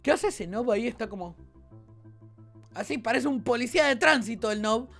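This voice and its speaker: A young man with a Rioplatense Spanish accent giving excitable let's-play commentary, yelping and shouting at the game. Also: extremely high pitch, normal speed, creaky, faint music behind. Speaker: gaming video host.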